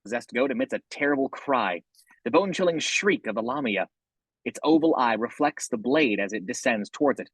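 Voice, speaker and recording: Husky male narrator of horror action. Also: medium pitch, expressive, brisk, no room sound, low-quality recording. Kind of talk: scripted horror narration, reading stage action.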